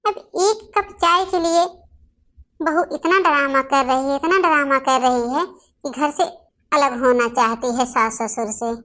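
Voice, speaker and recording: A mild, soft-spoken older mother-in-law from a cartoon family story, as a woman acts her out. Her voice sits high but quieter and lower than the rest of the household, pleading rather than arguing. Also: a little slow.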